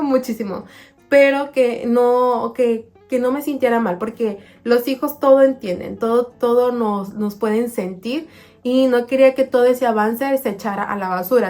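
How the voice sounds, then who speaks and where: A woman chatting to viewers as a vlogging mother, slowing down to say words very clearly when she shows how she taught them. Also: fairly high pitch, a little mellow. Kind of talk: casual storytelling to viewers.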